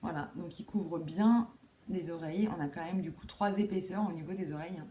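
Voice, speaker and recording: A woman's voice: fairly low pitch, a little fast, warm tone, a little hiss or hum. A young woman hosting a knitting video podcast from home, chatting casually with lots of fillers, restarts and self-deprecating asides. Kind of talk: casual chat. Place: home room with window.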